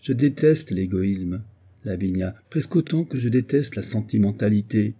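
A man's voice: on the low side, animated, moderate pace, dark tone, slightly rough. A man voicing a cold, selfish, scheming middle-aged man in an audiobook, speaking with firm disdain. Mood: contemptuous.

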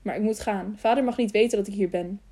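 A woman reading the part of a young noble girl who talks in a hushed, urgent way, in an audiobook. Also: medium pitch, quick pace, slightly rough. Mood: anxious.

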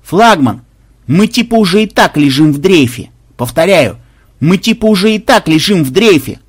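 A man voicing a gruff male space pirate chief who barks orders through a megaphone. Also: a little high, lively intonation, normal speed. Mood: mocking.

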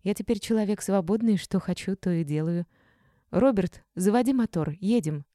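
A woman reading a cool, defiant young woman clerk who talks in brisk, curt, unbothered replies. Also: mid-range voice, mellow, no room sound, studio quality, lightly acted. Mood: breezy.

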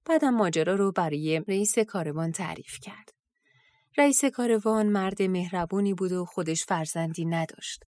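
A woman narrating a storybook folk tale in a calm, even storytelling manner. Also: lowish voice, dry recording, clean studio sound. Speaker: audiobook narrator.

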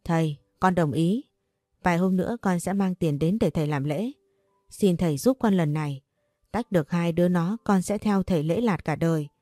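A woman's voice: lowish voice, moderate pace, dark tone, no echo, studio quality, soft background music, lightly acted. A woman voicing a desperate, scheming older single mother who speaks in a pleading, anxious way.

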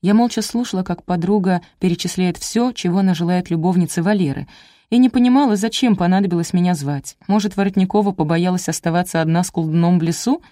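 A woman reading a first-person detective audiobook in a brisk, wry storytelling manner. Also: on the low side, warm tone, no echo, clean studio sound. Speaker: audiobook narrator. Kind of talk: scripted first-person narration.

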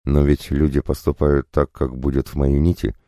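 A man's voice: very deep voice, little pitch movement, normal speed, mellow, no echo, clean studio sound. A man voicing a naive young goddess of fate. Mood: plain earnest. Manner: simple, earnest, matter-of-fact.

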